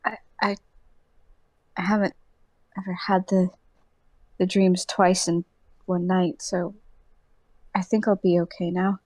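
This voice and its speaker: Woman playing a halting, sheepish, just-woken woman. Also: lowish voice, level tone, a little mellow, no echo, rough recording. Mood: sheepish, unsure. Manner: halting, stammering.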